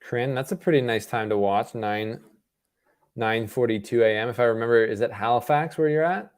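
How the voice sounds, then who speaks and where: This is brisk, smooth watch-party talk: a young Canadian man at home narrates a tennis match live for his stream's viewers. His voice rests in a typical middle range, and he stays easygoing and conversational, leaning on fillers and often backtracking to correct himself.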